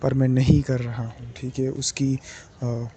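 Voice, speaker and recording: A young man talking slowly and deliberately in a personal diary vlog, pausing often with fillers. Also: medium pitch, flat delivery, mellow. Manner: slow, deliberate, hesitant with many fillers. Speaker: vlogger.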